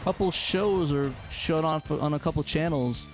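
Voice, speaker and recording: With music in the background, a show host chats informally about games. His voice is on the high side and his pace moderate.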